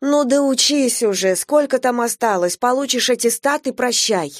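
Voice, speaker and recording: A woman's voice: on the high side, moderate pace, dry recording, pitched above the performer's own voice, lightly acted. A tired mother, pleading one moment and grumbling the next, as a woman reads her. It is a storybook reading recorded dry and close.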